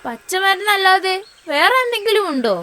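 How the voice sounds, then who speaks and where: A woman's voice: very high voice, big pitch swings, moderate pace, pushed and bright, soft background music, heavily acted. A woman voicing a curious grown hen in a kids' cartoon who questions the rooster.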